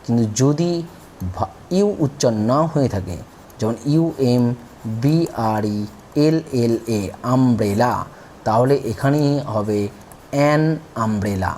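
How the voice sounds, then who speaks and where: A man's voice: mid-range voice, measured pace, dark tone, slight background noise. A man teaching a grammar lesson, spelling out words letter by letter and explaining patiently. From India.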